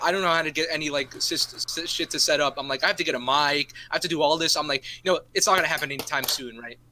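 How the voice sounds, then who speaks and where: Bright-voiced young guy rambling, swearing. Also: on the high side, slight background noise. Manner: rambling, swears a lot, keeps adding "right?". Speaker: podcast co-host. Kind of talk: casual chat.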